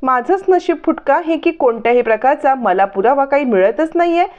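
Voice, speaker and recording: A woman's voice: sits high, lively intonation, brisk, a little mellow, dull audio, voice pushed up. A woman voicing a scheming young woman who grumbles about her bad luck, read in her own storytelling voice. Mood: exasperated. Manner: exasperated, complaining.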